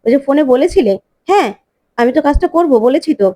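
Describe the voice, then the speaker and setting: A woman's voice: high voice, animated, fast, dark tone. A guarded young wife, read by a woman. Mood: wary.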